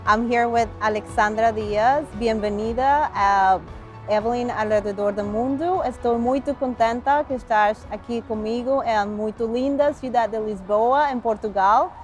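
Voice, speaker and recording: A woman's voice: fairly high pitch, normal speed, darkish tone, soft background music. A woman hosting an interview, upbeat and friendly, who switches between languages. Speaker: interview host.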